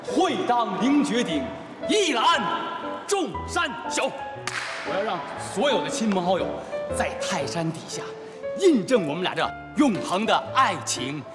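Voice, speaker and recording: Brief: a swaggering young groom; high, lively voice; hall reverb and music underneath. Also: male voice, unhurried. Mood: boastful. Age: young adult. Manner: boastful, showy, exclaiming. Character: boastful young groom showing off. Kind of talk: TV drama acting.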